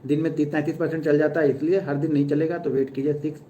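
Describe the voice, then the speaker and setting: A man in his thirties from Uttar Pradesh, a stock trader chatting fast and earnestly with viewers on a live stream. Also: a little high, level tone, mellow, a little hiss or hum. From Uttar Pradesh, India. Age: 30s.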